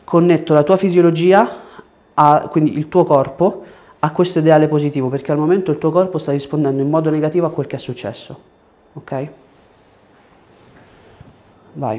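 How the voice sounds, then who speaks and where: A chiropractor in his thirties gives a patient short directions and explanations during treatment in a small indoor room. His slightly high, warm voice holds a steady tone at a fairly quick pace, picked up on a lapel mic with clear background room noise.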